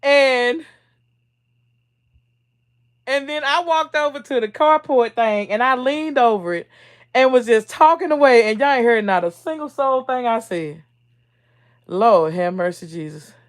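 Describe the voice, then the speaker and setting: Slightly high-voiced and unhurried, a woman pauses often while she runs a casual live chat on her stream. She reads comments from viewers out loud and frequently breaks into laughter.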